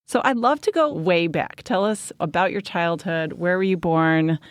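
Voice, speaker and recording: A woman's voice: fairly low pitch, moderate pace, dry recording. Curious woman hosting a podcast. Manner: friendly, curious questioning. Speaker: podcast host. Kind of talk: podcast interview. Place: recording studio.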